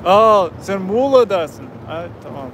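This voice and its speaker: A man who is not a native Turkish speaker, chatting casually on a livestream in simple, halting Turkish with a foreign accent and searching pauses. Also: high voice, animated, fairly bright tone. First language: not Turkish, speaks it as a learner. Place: outdoors by a river. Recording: noisy outdoor live stream.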